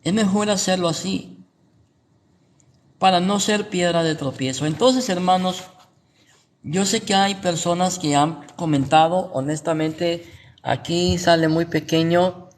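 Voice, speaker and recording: Unhurried and fairly high-pitched, this Guatemalan man is a pastor from Guatemala City. He offers informal Bible teaching in a Guatemalan Spanish accent, often pausing to pose rhetorical questions to his listeners.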